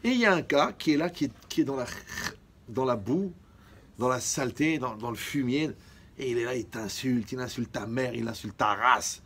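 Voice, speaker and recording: A man with a gravelly, creaky voice delivers a religious holiday lecture. He jokes a lot and keeps checking in with his listeners. There is faint noise in the background. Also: medium pitch, normal speed, a bit bright. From Morocco. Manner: joking, often checks in with the audience. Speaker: rabbi giving a holiday lecture.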